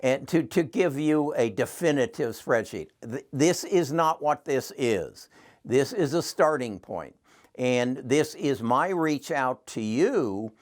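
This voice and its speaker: A man's voice: medium pitch, animated, slow pace. A man of seventy-seven hosting his own channel, giving earnest, folksy advice straight to the camera, often repeating words as he finds his thought. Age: 70s. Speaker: channel host. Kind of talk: casual advice monologue to camera.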